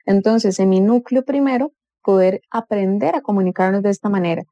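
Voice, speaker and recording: A woman, giving advice as a guest on a talk show and calmly explaining things, often voicing the people she quotes. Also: medium pitch, a little fast, no room sound. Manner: calm explanatory, acts out quoted family dialogue. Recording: dull dry studio sound.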